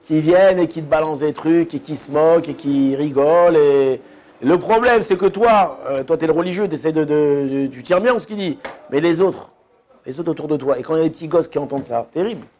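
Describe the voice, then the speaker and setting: Rabbi guy teaching a class, chatty, keeps asking the room questions, high voice. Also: a little fast, a little mellow. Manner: chatty, asks listeners questions, lots of restarts. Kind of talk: informal Torah lesson.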